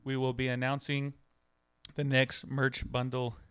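A man co-hosting a podcast from his home office, easygoing and quick to laugh. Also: mid-range voice, monotone, fairly bright tone, smooth, no echo. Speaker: podcast co-host. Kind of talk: casual podcast chat.

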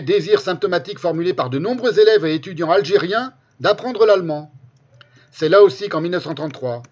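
A man reading quotations aloud and adding spoken asides, emphatically repeating key phrases for stress. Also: on the high side. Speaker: commentator presenting a history book. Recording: dull, lo-fi sound.

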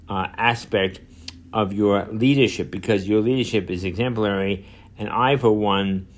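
A man, hosting a solo podcast in a rambling monologue full of fillers and restarts. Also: fairly low pitch. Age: 70s. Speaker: podcast host.

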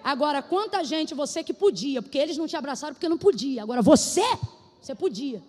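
A woman preacher from Brazil delivers a sermon in a very high voice. She shifts between shouted prophetic declarations and relaxed, conversational storytelling. Long reverb trails after her words in the church hall. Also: quick pace.

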